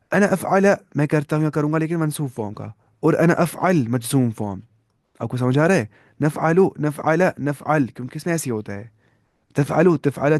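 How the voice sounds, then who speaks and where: With a slightly high but darkish voice, this man teaches grammar patiently, walking through the rules step by step. He drills forms aloud and asks himself rhetorical questions before answering them, recorded dry and close.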